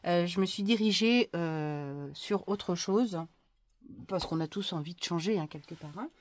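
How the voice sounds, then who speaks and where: A woman's voice: lowish voice, unhurried. Lady chatting through a craft haul, lots of ums and restarts, some hiss behind her. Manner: chatty, hesitant, many fillers and restarts. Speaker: crafting vlogger. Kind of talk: casual haul video.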